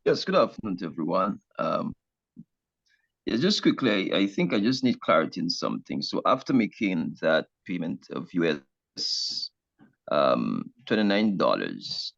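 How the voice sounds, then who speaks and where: A man with a very low, gravelly voice asks polite, carefully repeated questions over a call line. His intonation moves a lot. The audio keeps cutting out and sounds dull and lo-fi. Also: sing-song, normal speed, fairly bright tone, no echo. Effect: call audio cutting out and breaking up. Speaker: webinar attendee asking a question. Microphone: remote video call connection.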